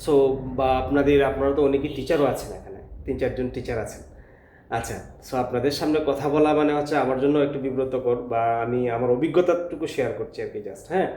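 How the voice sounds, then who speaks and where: A man's voice: mid-range voice, fast, mellow. Hesitant man teaching in an echoey room. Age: adult with a school-age child. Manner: hesitant, many filler sounds, earnest. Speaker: English teacher. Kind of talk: informal talk to parents. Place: classroom. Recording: echoey room, faint ambience.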